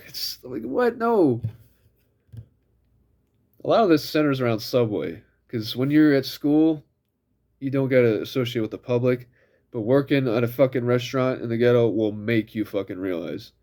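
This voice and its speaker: A man's voice: medium pitch, normal speed, darkish tone. A young man telling stories from his old job in a blunt, profane way, acting out what people said in mocking voices. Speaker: vlogger. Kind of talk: casual storytelling monologue.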